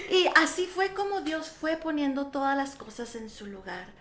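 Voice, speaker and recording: A woman's voice: high voice, slow pace, echoey room, background noise. A middle-aged woman pastor, giving her testimony in a radio interview and acting out the dialogue she recalls. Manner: animated storytelling, acting out quoted dialogue. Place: radio studio.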